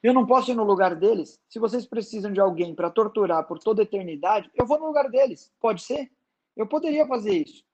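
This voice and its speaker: A man's voice: sits high, expressive, a little fast, lo-fi sound, pitched above the performer's own voice. A man voicing a grieving father who pleads in a raised, desperate voice, in a dramatized book reading. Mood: desperate, pleading.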